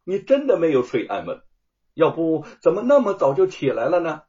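A man putting on a coy, sharp-tongued young concubine. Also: on the high side, wildly swooping pitch, normal speed, pitched above the performer's own voice. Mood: defiant. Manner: sweet, wheedling, sharp-tongued. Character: sly young woman, coquettish concubine. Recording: dull lo-fi audio.

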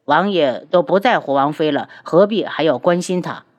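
A woman's voice: sits low, lively intonation, moderate pace, a little mellow, muffled recording. A woman voicing a blunt, loyal male soldier in an audiobook, speaking resentfully. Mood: defiant.

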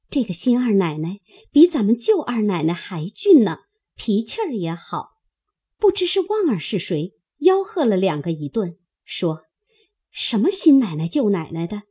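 A woman voicing a discreet young maidservant who reports softly and deferentially to her mistress in an audiobook. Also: mid-range voice, breathy edge.

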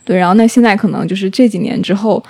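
Fast-talking, slightly husky woman with braces. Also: medium pitch, mellow. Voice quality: wearing clear braces. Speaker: interviewer. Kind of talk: casual conversational interview.

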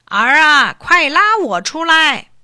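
A woman putting on a loud pleading old father. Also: high-pitched, very animated, unhurried, dry recording, studio quality, voice pushed up, full character voice. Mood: wheedling, shouting. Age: older. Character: old father, doting but greedy, nagging.

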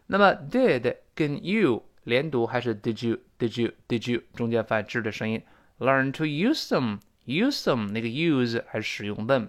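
A middle-aged man, a native Chinese speaker, teaching a spoken English lesson and repeating phrases for drill. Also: mid-range voice.

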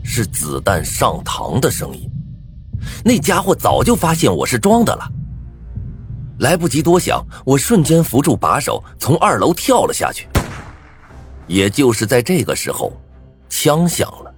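A man's voice: mid-range voice, huge pitch swings, a little slow, pauses often, faint music behind. A man narrating a first-person thriller story with a dramatic, swinging delivery.

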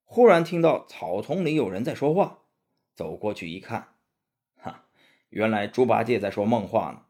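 A man narrating a children's story in an animated, expressive way. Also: lowish voice, moderate pace.

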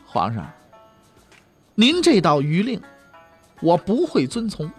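A man voicing a calm, defiant old eunuch. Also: sits high, slow, slightly rough, faint music behind, exaggerated voice. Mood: solemn. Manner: solemn, archaic declaiming.

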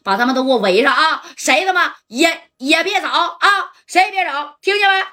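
A woman voicing a furious male gang leader shouting at his men. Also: high voice, lively intonation, fairly quick, pitched above the performer's own voice. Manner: angry shouting.

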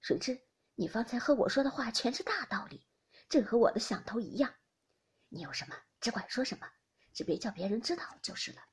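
A woman voicing an anxious noble mother near fifty, in a soft, breathy half-whisper for an audiobook of a classic novel. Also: a little high, lively intonation, a little fast. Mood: confiding.

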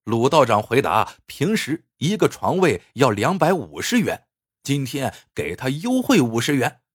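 A man narrating a scripted story in an expressive, animated way. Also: mid-range voice, unhurried, husky, dry recording, studio quality.

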